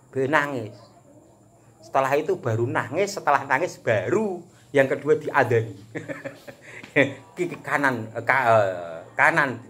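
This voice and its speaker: A man with a Javanese accent giving a casual religious talk as a preacher, animated and joking, chuckling often. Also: mid-range voice. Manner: animated, chuckles often, mixes teaching with jokes.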